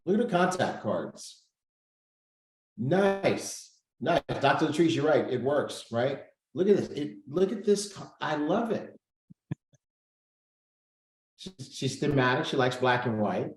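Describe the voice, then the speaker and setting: A man hosts a casual group coaching call over video, sounding upbeat and very animated as he thinks aloud while clicking and reads out figures. His medium-pitched voice moves slowly with frequent pauses, in an echoey room.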